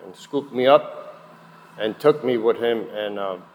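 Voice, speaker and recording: A middle-aged man, Puerto Rican by birth and raised in New Jersey, gives a candid personal recovery testimony as a guest speaker at a meeting. His mid-pitched voice is unhurried and conversational, peppered with fillers. The recording carries long hall reverb and a faint hiss.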